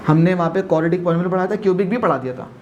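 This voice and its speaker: A man's voice: high voice, very fast, darkish tone, highs cut off, a little hiss or hum. A male math teacher giving a classroom lecture, constantly asking his students questions and mixing Hindi with English.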